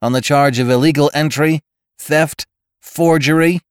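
A man voicing a stern male police robot that recites charges in a flat, officious way. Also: on the high side, unhurried, smooth, no room sound, clean studio sound, voice pushed up, lightly acted.

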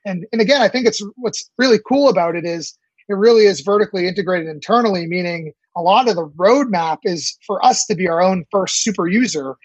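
A man in his late thirties talks up his startup with a rather high voice. He runs on quickly and enthusiastically, padding with ums and restarting phrases. The sound is dry and close. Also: husky, no room sound, poor audio. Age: 30s. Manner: fast, enthusiastic, many fillers and restarts. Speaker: startup founder guest. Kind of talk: business interview answers.

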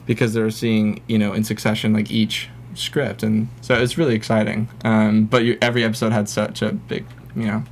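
A man's voice: lowish voice, level tone, moderate pace. Young man, actor guest, chatty, rambling, restarts often, slight background noise. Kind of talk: casual chat.

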